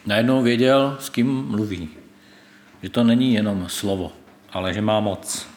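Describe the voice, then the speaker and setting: A man's voice: on the low side, a little mellow, slight background noise. A man preaching a sermon, retelling a scripture story and stressing God's words, with a few hesitations. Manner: thoughtful, with hesitations. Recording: echoey room.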